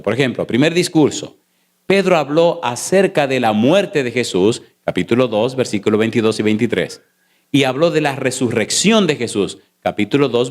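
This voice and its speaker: Pastor, man, church sermon; emphatic, fires off rhetorical questions, slows for stress, then races. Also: medium pitch. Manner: shifts between slow stressed phrases and rapid runs. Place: church sanctuary. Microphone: sermon recording.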